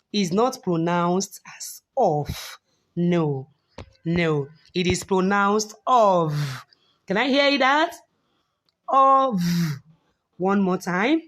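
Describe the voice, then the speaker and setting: A young woman, teaching a slow, patient phonics lesson to young children and repeating words for them to copy. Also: medium pitch.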